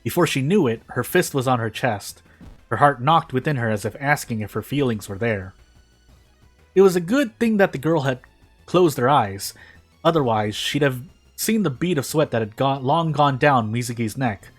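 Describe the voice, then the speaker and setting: A man casually narrates gameplay and reads fanfic, his commentary rambling and self-deprecating. He speaks at a normal speed with a medium-pitched, expressive voice, faint music audible behind him.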